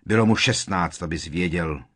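A man's voice: low voice, slightly rough. A man voicing a sullen, sneering teenage bully who snaps and growls his retorts. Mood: taunting. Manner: sulky, snapping, growling retorts.

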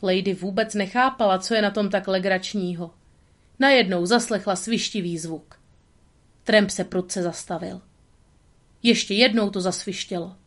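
Brief: woman narrator, calm and steady storybook reading. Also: mid-range voice.

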